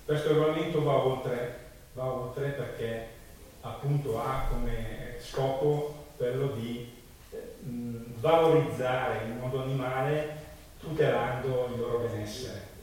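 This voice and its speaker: A man chairing a public meeting as mayor, speaking formally and bureaucratically with hesitant pauses. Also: medium pitch, steady tone, a little mellow. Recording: very echoey hall, distant mic, faint noise.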